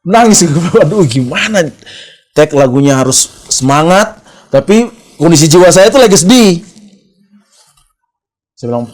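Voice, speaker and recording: A man's voice: on the high side, lively intonation, normal speed, long pauses, a little mellow. A man from Papua in his thirties, a guest singer telling his story in a casual interview and acting out the dialogue he quotes.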